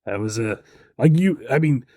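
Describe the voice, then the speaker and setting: Rambling male co-host with a mellow voice. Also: mid-range voice, expressive, no room sound, studio quality. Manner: rambling, halting, many restarts. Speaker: podcast co-host. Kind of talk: casual podcast chat.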